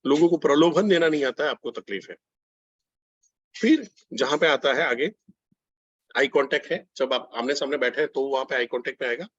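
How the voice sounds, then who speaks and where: A man's voice: mid-range voice, fairly quick, pauses often, fairly bright tone, slightly rough, no room sound, lo-fi sound. A man running an online sales training session, coaching listeners directly and repeating key phrases.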